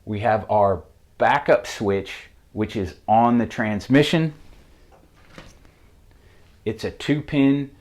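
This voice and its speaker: Southern-accented male mechanic, low-pitched, methodical whiteboard instructor. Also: slow pace, long pauses. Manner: methodical, plain-spoken, steady. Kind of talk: technical how-to explanation. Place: shop with a whiteboard.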